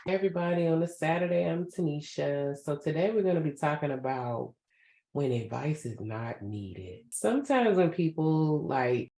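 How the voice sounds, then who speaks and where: A woman's voice: low-pitched, dark tone, echoey room. A woman co-hosting an advice podcast in a casual, loose, conversational way. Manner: conversational, loose with many fillers. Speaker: podcast co-host.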